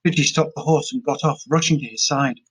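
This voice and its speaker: Husky male storybook narrator. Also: on the high side, fairly even intonation, brisk, rough recording. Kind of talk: storybook reading.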